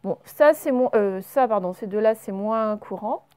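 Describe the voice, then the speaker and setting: A woman with a French accent, a primary school teacher giving a slow, patient spelling lesson to young pupils and stretching out the example words. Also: medium pitch, darkish tone, smooth, dry recording.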